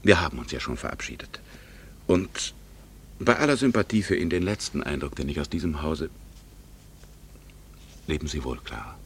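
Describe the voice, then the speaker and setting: In a 1960s German radio drama, an actor plays a wistful, ironic middle-aged gentleman and secret admirer, his courtly, hesitant speech sometimes sinking to a near-whisper. His rumbling low voice is animated, at a moderate pace with long pauses, and the mood is hesitant and melancholy.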